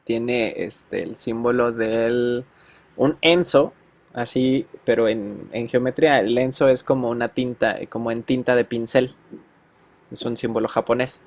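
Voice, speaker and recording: A man's voice: mid-range voice, steady tone, a little slow. Chatty Mexican man telling stories. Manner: chatty storyteller, slangy, many fillers. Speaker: teacher. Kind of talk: casual chat with students.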